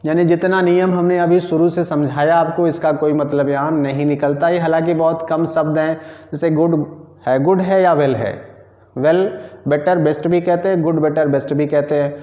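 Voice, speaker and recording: A man's voice: fairly high pitch, steady tone, moderate pace, dark tone. A man teaches a grammar lesson, patiently repeating each rule and spelling words out letter by letter. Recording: roomy, echoing and dull lo-fi sound.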